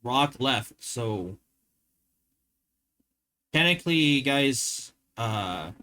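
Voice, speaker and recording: A man's voice: mid-range voice, animated, pushed and bright. A man running a tabletop game as game master, who keeps stopping to place tokens on the map. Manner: unhurried, stops to place tokens.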